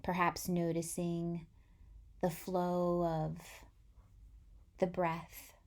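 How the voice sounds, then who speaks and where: A woman guides a body-scan meditation very slowly, her slightly low, mellow voice turning soft and breathy at the ends of phrases. She speaks gently and soothingly with long pauses, yet her delivery is completely flat.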